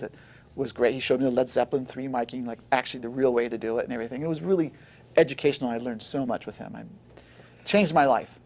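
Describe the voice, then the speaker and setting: A man, a record producer, telling an anecdote in conversation and acting out what others said. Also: mid-range voice. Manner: lively anecdotal, acts out quoted dialogue. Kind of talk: animated storytelling in conversation.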